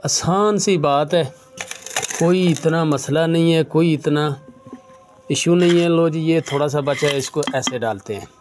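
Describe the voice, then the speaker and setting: Homespun herbal practitioner explaining step by step. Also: male voice, on the high side, unhurried, background noise. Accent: Punjabi-influenced Urdu. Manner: casual, keeps saying "lo ji" and "bhaijaan". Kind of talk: hands-on demonstration tutorial.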